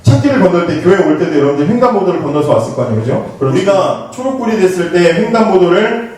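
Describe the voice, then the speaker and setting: A fairly high-pitched man preaches a youth sermon in a lively, conversational way. He keeps asking the teenagers questions and acts out the lines he quotes. His voice rings through a very echoey church hall from some distance off the mic. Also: fast talker. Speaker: pastor preaching to teens. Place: church sanctuary.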